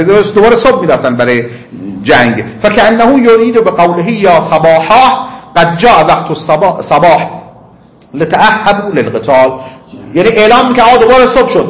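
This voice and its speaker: Animated male seminary lecturer, echoey room. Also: high voice. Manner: reads Arabic text slowly then explains it in colloquial speech. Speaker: religious teacher.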